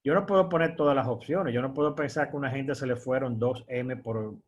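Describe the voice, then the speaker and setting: A man's voice: mid-range voice, a little fast. A man, teaching an online course as a screen-share tutorial, explaining step by step with fillers and frequent "verdad?" checks.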